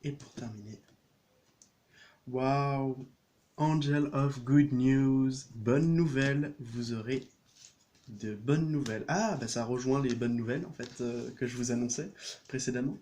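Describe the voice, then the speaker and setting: A man doing a card reading, hesitant with many fillers and restarts, giving gentle, reassuring spiritual advice. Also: mid-range voice, measured pace, a little hiss or hum. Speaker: tarot card reader. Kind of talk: casual card-reading video.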